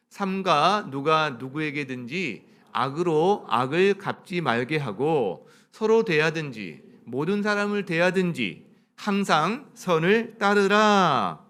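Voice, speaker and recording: A male pastor delivers a Sunday sermon in a church sanctuary. His voice sits somewhat high and swings widely in pitch. He speaks in a friendly, conversational way and often asks the congregation questions. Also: a bit bright.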